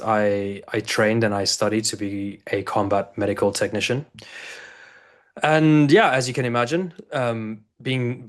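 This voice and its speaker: A man in his thirties from South Africa, a coach and guest on an interview show, telling his story in a loose, rambling way with many restarts. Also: mid-range voice. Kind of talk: casual interview talk.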